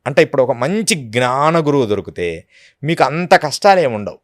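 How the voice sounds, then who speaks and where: A man's voice: mid-range voice, big pitch swings, brisk, no echo, clean studio sound. A man, a yogi guest speaking earnestly in an interview, often acting out quotes. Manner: earnest, storytelling with acted quotes. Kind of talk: devotional interview talk.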